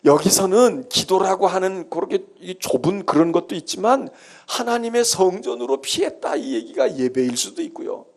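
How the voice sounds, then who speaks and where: A man's voice: sits high, lively intonation, normal speed, vocal fry, hardly any pauses, darkish tone. A male senior pastor giving a sermon-style Bible lecture in a church, conversational and emphatic, repeating his key phrases.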